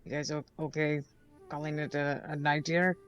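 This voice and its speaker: A man's voice: fairly high pitch, flat delivery, normal speed, a bit bright, soft background music, close to an everyday voice. Man putting on a barbarian adventurer's voice. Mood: in character. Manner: speaking in a barbarian character voice. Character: gruff barbarian adventurer in a tabletop game. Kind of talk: improvised in-character role-play.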